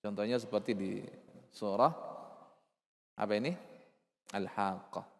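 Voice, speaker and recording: A man teaching recitation rules, explaining with rhetorical questions and repeating key terms, sometimes slowly chanting verses. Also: on the low side, big-room sound. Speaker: Arabic and Quran recitation teacher.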